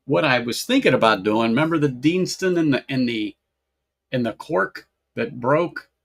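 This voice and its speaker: A man's voice: mid-range voice, lively intonation, measured pace, vocal fry. A man hosting a casual whiskey-tasting livestream, rambling, repeating himself and greeting chat viewers by name.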